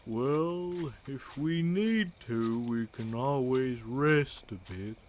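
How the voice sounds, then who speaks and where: An actor voicing a gentle, generous young turtle who speaks politely and softly. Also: mid-range voice, lively intonation, slow, slight background noise.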